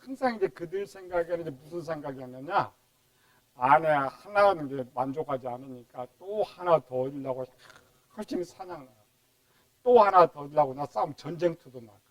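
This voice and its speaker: A man's voice: fairly high pitch, expressive, a little fast, no room sound, low-quality recording. A male pastor preaching a midweek sermon, asking rhetorical questions and mimicking complainers.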